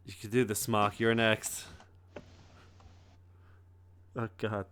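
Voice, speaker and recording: A man's voice: on the low side, flat delivery, a bit bright, slight background noise. Male podcast host, easygoing, cusses a lot, laughs easily. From Ireland. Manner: loose, swears freely, quick to laugh. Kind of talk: casual gaming podcast chat.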